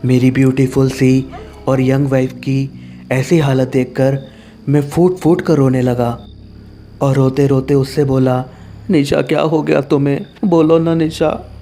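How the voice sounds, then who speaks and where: A man's voice: medium pitch, dark tone. A man narrating a first-person horror story, telling it in a tearful, anguished way.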